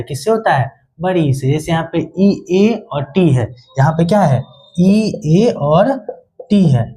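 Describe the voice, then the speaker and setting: A man's voice: on the high side, warm tone, low-quality recording. Hindi-accented man teaching phonics to kids. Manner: call-and-response questioning, spelling letters aloud. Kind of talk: phonics lesson for children.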